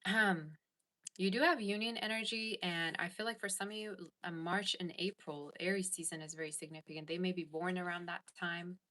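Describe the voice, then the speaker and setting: Slightly fast and steady, this tarot reader speaks with a lowish, sharp voice. She gives her viewers a casual reading, chatting and reading the live chat out loud to respond to comments.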